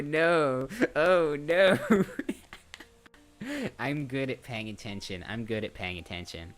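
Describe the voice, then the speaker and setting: His mid-range voice has a fairly bright tone as he, an eighteen-year-old streamer and voice actor, chats loosely on a live stream. The talk wanders, repeats itself and often stops mid-sentence when he interrupts himself.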